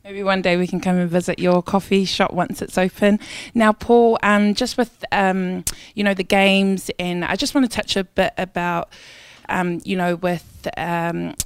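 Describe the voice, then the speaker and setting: A woman's voice: lowish voice, steady tone, measured pace, clean tone, no echo. A woman hosting a radio interview, asking questions in a friendly, informal way. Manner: friendly, informal, uses fillers.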